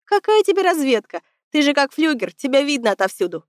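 A woman's voice: high voice, a little fast, dry recording, clean studio sound, voice pushed up, lightly acted. A woman voicing a mocking young male cadet who talks in a teasing, sarcastic way.

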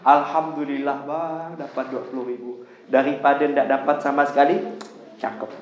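A man giving a lively religious lecture, telling everyday stories and acting out quoted voices. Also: a little high, moderate pace, dull audio, a little hiss or hum. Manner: animated storytelling, acts out quoted voices. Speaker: preacher. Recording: echoey hall with faint ambience.

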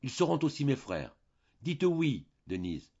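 A man's voice: medium pitch, very animated, measured pace, a little mellow, husky, voice pushed up, heavily acted. A man voicing a passionate middle-aged store owner in an audiobook reading, insistent, his voice trembling. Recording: dull lo-fi recording.

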